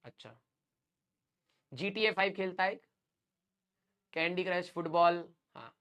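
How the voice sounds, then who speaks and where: A man's voice: high voice, slow, a bit bright. A male physics teacher joking and teasing his students in a live online class, laughing often and dropping English physics terms into casual talk.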